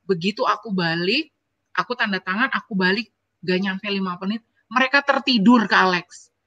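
A woman's voice: mid-range voice, moderate pace, dry recording, dull audio. A woman in her forties, a university lecturer, telling personal stories in an interview. She speaks with emotion and keeps turning to address the host. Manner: emotional, animated storytelling that often turns to address the host. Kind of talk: personal storytelling in a conversational interview.

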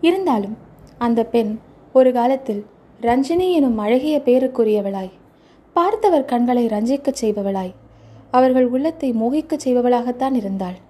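A woman's voice: on the high side, warm tone, slightly rough. A woman narrating a historical novel as an audiobook, dramatic and storytelling, with rhetorical questions.

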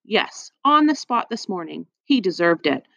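A woman's voice: medium pitch, big pitch swings, normal speed, creaky, pushed and bright, dry recording, heavily acted. A woman voicing a cruel, spiteful hospital matron with a cold, scornful manner. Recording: dry, slightly muffled.

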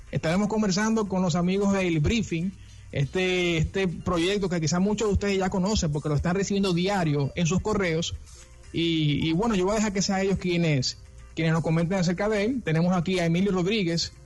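A Dominican man co-hosts a radio interview, chatting and introducing the guests at length with many restarts. His voice is high-pitched and moves at normal speed over faint music, and he comes through on a remote call.

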